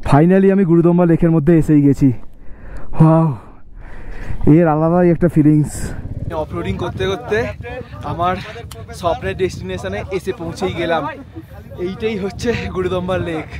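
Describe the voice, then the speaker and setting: A man from India narrating a motorcycle travel vlog outdoors on a high mountain road, short of breath and talking slowly in short phrases. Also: steady tone, mellow. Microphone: action camera or phone on the bike trip. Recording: noisy outdoor recording with wind and engines.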